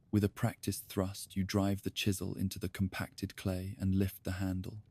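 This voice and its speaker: This bedtime history tale comes from a low-pitched man who keeps his delivery calm, gentle, and even, talking to the listener as "you." No room sound is audible.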